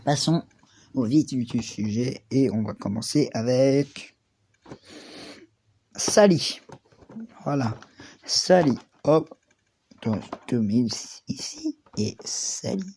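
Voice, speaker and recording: A man's voice: mid-range voice, big pitch swings, slow pace, pauses often, darkish tone, a little hiss or hum. A male YouTuber casually presenting collectible figures, rambling and drifting off topic with many restarts. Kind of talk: casual unboxing vlog.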